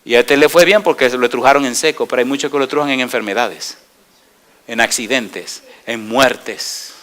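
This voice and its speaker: A middle-aged man preaching a sermon as a pastor, putting repeated yes-or-no questions to the congregation and telling stories in an animated way, moving between loud and quiet. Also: mid-range voice, moderate pace.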